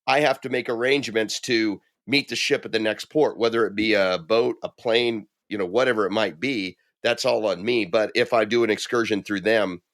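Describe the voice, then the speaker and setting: A man's voice: lowish voice, normal speed, few pauses, dry recording, studio quality. A middle-aged man and podcast co-host, chatting casually and telling stories, acting out the quoted voices. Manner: animated storyteller, acts out quoted voices. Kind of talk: casual chat.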